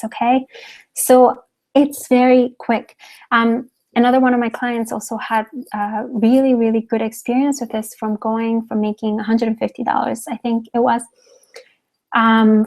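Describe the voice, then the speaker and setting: A woman's voice: a little high, darkish tone. A woman from Cuba, a business coach giving a motivational webinar talk, repeating herself for emphasis and tagging lines with "okay?". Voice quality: frequent "okay?" tag questions, emphatic repetition.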